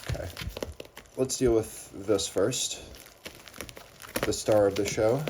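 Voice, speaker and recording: A hobbyist with a low voice unboxes weather radios slowly, offering casual, unscripted commentary. The recording is clear, with some background noise and handling clicks.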